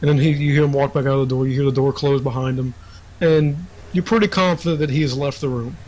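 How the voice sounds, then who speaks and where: A man's voice: medium pitch, steady tone, fast, background noise. A young man narrating as dungeon master in a casual, rambling way full of fillers. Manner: casual, filler-heavy storytelling. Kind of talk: narrating a tabletop game.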